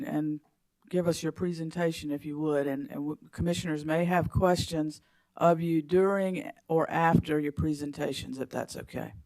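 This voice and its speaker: A man's voice: on the high side, a little mellow, no echo. A man chairing a formal commission hearing, reading procedural items with some hesitant fillers.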